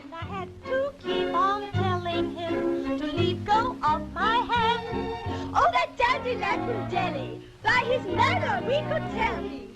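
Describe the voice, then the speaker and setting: Saucy high-pitched music-hall singer. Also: female voice, expressive, slow pace, few pauses, full character voice. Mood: cheeky. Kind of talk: music-hall song performance. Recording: old film soundtrack, loud music.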